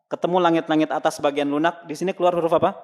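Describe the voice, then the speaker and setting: A man's voice: fairly high pitch, flat delivery, rapid-fire. Man teaching Quran sounds. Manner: asks questions and answers them himself; demonstrates Arabic letter sounds. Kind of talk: lesson to a congregation.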